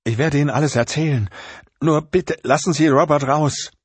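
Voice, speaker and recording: A man's voice: fairly high pitch, moderate pace, slightly rough, dry recording, pitched above the performer's own voice. A male narrator voicing a frightened woman captive who pleads in tears. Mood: tearful pleading. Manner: pleading, tearful.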